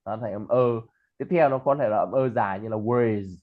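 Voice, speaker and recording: He's an English tutor whose voice runs on the low side and a little fast. After some casual chat he teaches pronunciation, explaining and repeating example words, heard through a tinny phone-like recording.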